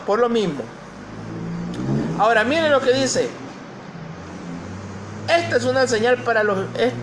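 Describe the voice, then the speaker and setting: A male pastor with a very high voice preaches a sermon, putting questions to the congregation and reading scripture aloud. There's a little background noise.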